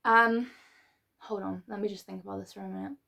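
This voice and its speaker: Lady rambling through a tarot reading, lots of ums, keeps clearing her throat. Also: medium pitch, steady tone, a little fast, sharp tone. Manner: chatty and rambling, with many fillers and restarts. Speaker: tarot reader. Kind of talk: casual tarot reading for a star sign.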